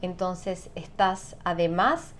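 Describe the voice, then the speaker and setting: Woman guest, low-ish voice, patient and explanatory; faint noise on the line. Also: slow. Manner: calm, explanatory, frequent tag questions. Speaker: sound therapist guest. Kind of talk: conversational interview.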